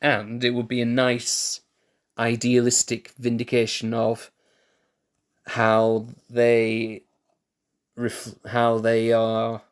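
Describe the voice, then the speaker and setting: A young male streamer chats slowly at a middle pitch, taking his time. He thinks aloud in a relaxed way, often correcting himself mid-sentence and laughing lightly at his own slips. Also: clean tone. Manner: musing, thinks aloud with restarts and self-corrections; laid-back, chuckles at himself. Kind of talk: casual live-stream chat while building.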